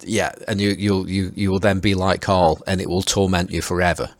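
Man, Stoke accent, very low pitch, hesitant casual chat, qualifies his points, dry sound. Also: little pitch movement, a little fast, no echo. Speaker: panelist discussing vintage lenses.

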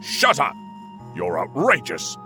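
A man's voice: medium pitch, wildly swooping pitch, slow pace, sharp tone, soft background music, pitched above the performer's own voice, heavily acted. A man voicing a stern, angry old patriarch who scolds his son.

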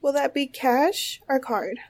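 A man's voice: very high voice, measured pace, gravelly, voice pushed up, heavily acted. A man voicing a polite store cashier in a service-counter tone.

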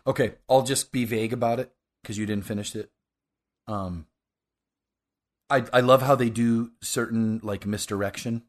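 A man hosting a casual podcast, talking about a show in a halting, enthusiastic way. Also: mid-range voice, fairly even intonation. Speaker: podcast host.

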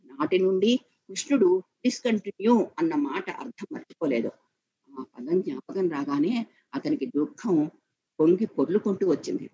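A man narrating a story slowly and with feeling, in a muffled lo-fi recording. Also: a little high, animated, warm tone, slight background noise. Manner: slow and measured, with emotional emphasis.

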